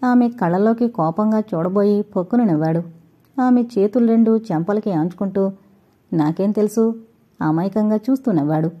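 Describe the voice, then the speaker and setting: A woman narrating an audio novel in a steady, expressive reading style, on a dull lo-fi recording. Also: medium pitch, fairly quick. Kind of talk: scripted story narration.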